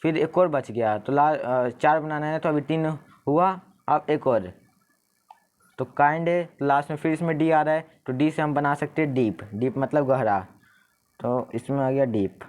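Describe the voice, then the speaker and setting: A young male tutor talks through an exam paper one step at a time. He reads each sentence slowly and clearly before explaining it. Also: on the high side, darkish tone. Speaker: English tutor. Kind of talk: exam paper walkthrough lesson.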